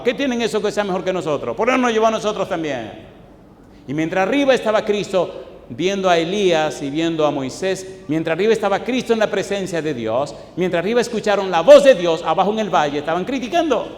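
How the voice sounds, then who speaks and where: A male pastor preaching a sermon, telling stories from his own life and pressing the congregation with rhetorical questions. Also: high-pitched. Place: church hall. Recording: echoey hall, faint background noise.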